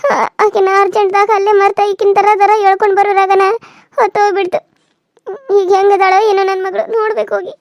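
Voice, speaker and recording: A tearful young village wife from a cartoon serial, voiced by a woman, speaking. Her voice is very high and sits dry and close on the mic. She pleads and vows to stand up for herself. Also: little pitch movement, fast talker, a little mellow, dry recording.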